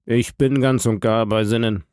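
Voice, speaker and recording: A man voicing a shattered middle-aged male prosecutor in an audiobook, speaking in a low, pressed, strangled voice. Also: fairly even intonation, normal speed, darkish tone, clear, resonant tone, no room sound, studio quality, natural voice. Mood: crushed.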